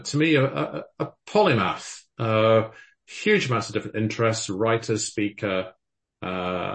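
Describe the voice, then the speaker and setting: Guy hosting a live podcast, lowish voice, lots of ums, echoey room. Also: creaky. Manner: hesitant, many ums and restarts. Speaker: podcast host. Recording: roomy echo.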